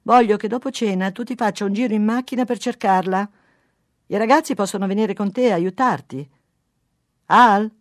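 A woman's voice: low voice, brisk, a little mellow, no room sound, clean studio sound, lightly acted. A reader voicing a tired, irritated wife who keeps pressing her husband. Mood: sharp. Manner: nagging, insistent.

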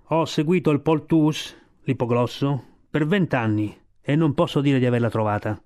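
A man voicing a calm, wise old male sea lion in a storybook, giving unhurried advice. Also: medium pitch, close to an everyday voice.

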